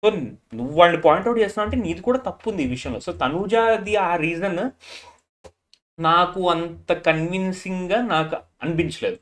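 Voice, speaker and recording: Fast-talking, opinionated man. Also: on the high side. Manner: animated, opinionated, mixes English into his talk. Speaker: reality show reviewer. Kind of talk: casual spoken review.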